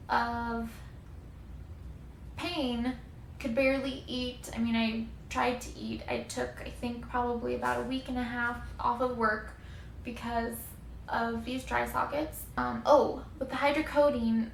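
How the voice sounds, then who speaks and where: A woman's voice: on the high side, gravelly. A woman telling a personal story casually to the camera, candid and conversational, with emphasis on how uncomfortable things were. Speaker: vlogger telling a recovery story. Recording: echoey room with faint background noise.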